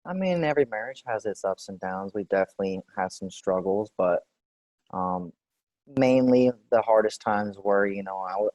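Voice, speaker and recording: Texas guy in his forties, kinda low voice, relaxed, lots of ums, dry sound. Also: normal speed, dry recording, lo-fi sound. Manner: relaxed, hesitant with many fillers. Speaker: interviewee. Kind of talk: role-play clinical interview.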